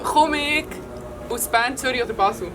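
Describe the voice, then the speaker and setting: A woman's voice: fairly high pitch, moderate pace, music in the background. A woman with a Swiss German accent, playing a casual guessing game in a playful, giggly way. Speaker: guest. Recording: distant mic in a noisy place with vehicles.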